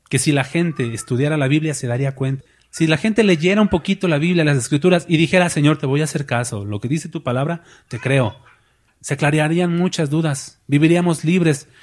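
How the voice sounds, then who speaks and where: A man preaching a sermon as pastor, lively, asking the congregation questions and acting out voices. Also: a little high.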